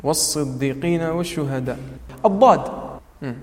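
A man teaching tajweed to a class. He repeats key terms, quizzes his students and recites Quranic words slowly as examples. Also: on the high side, darkish tone, long reverb tail, a little hiss or hum. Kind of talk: classroom lecture.

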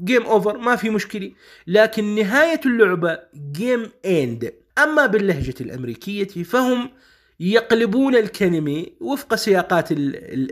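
A man with a Syrian Arabic accent, presenting for his own publishing house, explaining patiently, repeating key points and speaking straight to the listener. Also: sits high.

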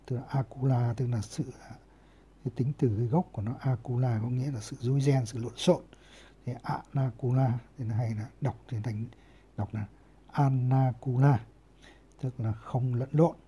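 A male monk teaching scripture in a very dark, mellow voice with a husky, breathy edge. He moves slowly through each term, pausing often on fillers and carefully sounding out the foreign words before explaining them. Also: mid-range voice. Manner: unhurried, many filler pauses, carefully sounds out foreign terms. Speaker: Buddhist monk teaching Pali. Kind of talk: word-by-word scripture lesson.

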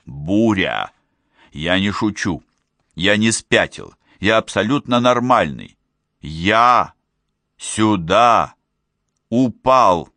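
A man's voice: on the low side, sing-song, slow, vocal fry, fairly bright tone, no room sound, full character voice. A man reading the part of an earnest, insistent young man in an audiobook, pressing his case with urgent pleading.

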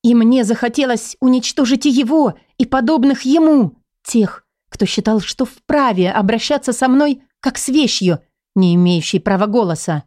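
A woman narrating a first-person audiobook in an expressive, measured way. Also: on the high side, no room sound, clean studio sound.

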